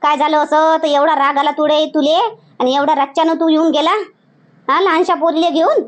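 Rural comedy skit: a woman as a scolding, protective mother, Varhadi Marathi accent, very high and fast. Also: fairly even intonation, lightly acted. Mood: firm. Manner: scolding, insistent, repeats points. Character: village mother, firm and protective of her daughter.

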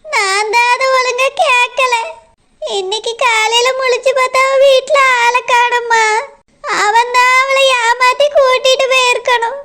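A woman's voice: very high voice, steady tone, a little slow, pushed and bright, a little hiss or hum, exaggerated voice. A woman with a Kanyakumari Tamil accent voicing an older village mother who wails in a sing-song lament. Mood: tearful pleading. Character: older village mother wailing over a runaway daughter. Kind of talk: village comedy-drama acting.

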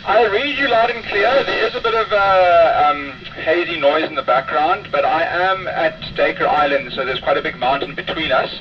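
A man's voice comes through a marine VHF radio, thin and muffled, with a steady haze of static hissing behind it. He speaks a little higher than most men, in clipped, formal radio procedure, and closes each turn with "over." He sounds far away, as if across a mountain. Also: normal speed, few pauses. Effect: heard through a marine VHF radio with hazy background noise. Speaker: radio operator on another boat answering a radio check. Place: distant, with a mountain between him and the listener. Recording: distant lo-fi radio with static hiss.

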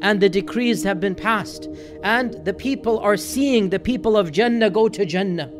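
High-voiced man giving an earnest lecture. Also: normal speed, over music. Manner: earnest, emphatic, voices quoted crowds with rising intensity. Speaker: Islamic lecturer. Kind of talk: religious lecture.

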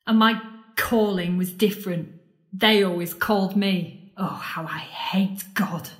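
In an audio drama, an actress with a mid-range, unhurried, fairly natural voice plays a bitter, scornful woman facing her lost love. She sounds sardonic and accusing, angry and bitter, and the recording has a roomy, echoing quality.

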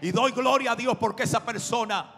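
A male pastor preaching a sermon with impassioned shouting and storytelling. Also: very high voice, fairly quick. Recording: reverberant hall with music behind.

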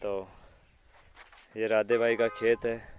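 A man's voice: lowish voice, flat delivery, takes it slowly, slight background noise. A man in his thirties giving a casual gym tour outdoors, explaining steadily to viewers. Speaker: visiting fitness vlogger. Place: outdoor village gym in sandy fields.

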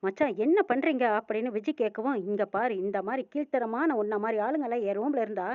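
A woman's voice: fairly high pitch, quick pace, no echo. A woman retelling a TV serial episode, voicing each character's lines as she tells the story. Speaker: serial recap narrator. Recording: tinny phone-like sound, dry.

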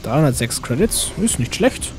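A man's voice: a little high, big pitch swings, normal speed, darkish tone. A man giving casual game commentary, rambling to himself and to the game's characters. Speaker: let's play host. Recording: game music behind the voice.

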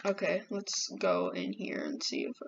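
A woman's voice: mid-range voice, big pitch swings, unhurried, gravelly, a little hiss or hum. A woman commenting while she plays a game, jumpy and easily flustered, often exclaiming. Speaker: gamer. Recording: dull lo-fi mic.

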